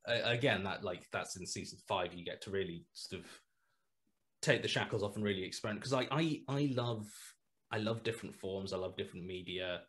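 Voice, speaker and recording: This man's voice sits on the low side, brisk and a bit bright. In his thirties, he's a podcast creator and writer guesting on a casual video-call interview from a small home room, chatting through a headset while he rambles, keeps restarting his sentences and drifts into asides.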